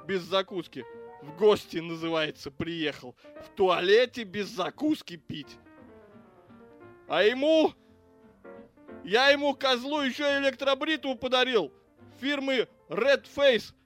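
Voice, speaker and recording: A man's voice: very high voice, unhurried, a bit bright, soft background music. A man reading the part of a foul-mouthed, grudging police officer who rants and curses about his stingy in-laws. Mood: ranting. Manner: crude, ranting, cursing. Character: foul-mouthed grudging adult male cop. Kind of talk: audiobook character reading.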